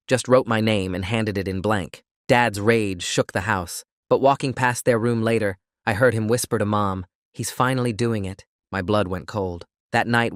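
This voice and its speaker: A man narrates a first-person story in a low, steady voice. The sound is dry and close, with no room around it. It is read like a scripted voice-over. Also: dry recording.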